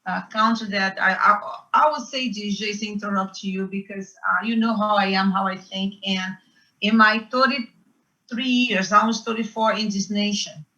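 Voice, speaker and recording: A woman's voice: medium pitch, fairly even intonation, normal speed, sharp tone, highs cut off. Passionate Brazilian-accented woman debating. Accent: Brazilian Portuguese. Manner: passionate, emphatic. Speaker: panel guest. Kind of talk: heated round-table debate.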